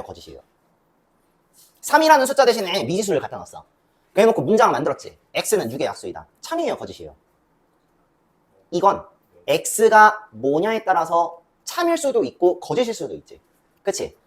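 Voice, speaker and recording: Lively woman math teacher lecturing. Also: fairly low pitch, normal speed, long pauses. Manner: lively, asks and answers her own questions. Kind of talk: classroom lecture.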